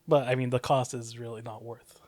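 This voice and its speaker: A man's voice: medium pitch, level tone, fairly quick, a little mellow. A young man co-hosting a podcast, explaining things in a laid-back way with many hesitant restarts. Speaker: podcast co-host. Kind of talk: casual chat.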